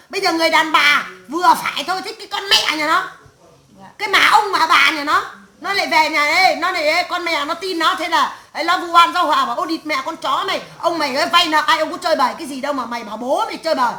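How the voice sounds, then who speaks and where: A woman's voice: very high-pitched, pushed and bright. A woman medium voicing the spirit of a stern old great-grandmother in a séance, scolding her family in a harsh, crude tirade full of curses. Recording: echoey room.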